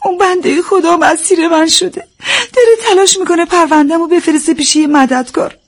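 Brief: woman voicing a desperate young mother in tears, pleading sobs, pitched very high. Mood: sobbing, pleading. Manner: pleading, sobbing. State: crying. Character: distraught young mother sobbing for her child.

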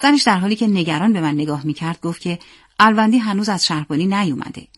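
Steady woman reading a story. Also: on the low side, no room sound, clean studio sound. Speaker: narrator.

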